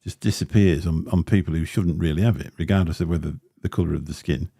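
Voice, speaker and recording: In a small home room, a man with a very low, deep, gravelly voice chats quickly into a close-up dynamic studio mic while unboxing gear on a casual livestream. His dark, mellow tone carries rambling talk full of ums and grumbling asides. The audio is dry and close with no room sound.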